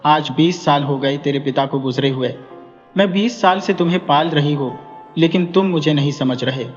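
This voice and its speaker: A man's voice: on the high side, moderate pace, natural voice. A man voicing an aging village mother, weary and scolding, in a dull, echoey recording with music behind. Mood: reproachful. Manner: scolding, complaining.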